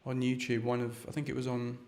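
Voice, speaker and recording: A man's voice: mid-range voice, completely flat delivery, quick pace, a little mellow. A young man chatting casually as host, hesitant and rambling with many restarts. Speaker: video chat host. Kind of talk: casual chat.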